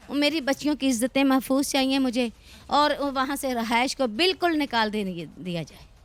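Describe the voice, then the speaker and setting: A woman's voice: sits high, fairly bright tone. A middle-aged woman who runs a religious school, explaining her grievances at length in a news interview. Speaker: madrasa head.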